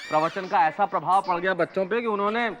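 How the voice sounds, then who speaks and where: An actor voicing a calm, sensible male neighbor in a cartoon who explains things patiently. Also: sits high, fast talker, soft background music. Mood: reasoning.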